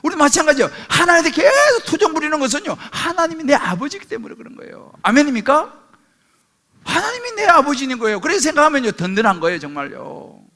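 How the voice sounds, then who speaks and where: A man's voice: very high-pitched, big pitch swings, fast, bright, forceful tone. A middle-aged male pastor preaching a sermon with emphatic rhetorical questions, calling on the congregation for amens.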